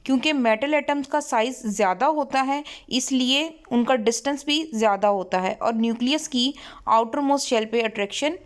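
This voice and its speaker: A woman tutoring chemistry, who reads each textbook line slowly in English and then explains it in Hindi-Urdu. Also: fairly high pitch. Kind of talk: textbook lesson reading and explaining.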